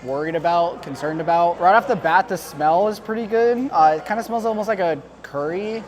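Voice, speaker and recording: A man casually reviewing food like a vlogger, giving measured, slightly halting judgments in an informal way. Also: sits high. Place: outdoors at a theme park. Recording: outdoor vlog amid crowd noise. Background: crowd noise.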